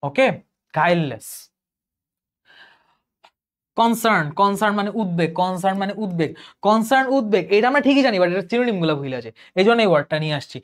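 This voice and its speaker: A man's voice: sits high, expressive, fast, a bit bright. A young man teaching an online class, explaining and repeating words and asking and answering his own questions.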